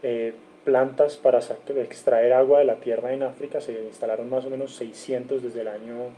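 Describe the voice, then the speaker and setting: A guest lecturer from Cali, Colombia, speaking with a Colombian accent, gives an earnest online seminar over a video call, listing figures and frequently correcting himself. His mid-range voice is dark in tone, with little pitch movement and a moderate pace, against slight background noise.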